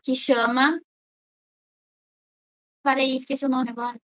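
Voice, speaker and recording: A woman's voice: high-pitched, flat delivery, measured pace, fairly bright tone, rough recording. A young woman with a Brazilian Portuguese accent, casually recounting experiences as a guest in a group chat.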